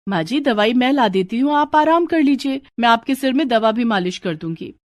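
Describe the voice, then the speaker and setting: A woman's voice: on the high side, animated, normal speed, dry recording, voice pushed up, natural voice. Woman doing a curious young daughter-in-law. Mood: inquisitive.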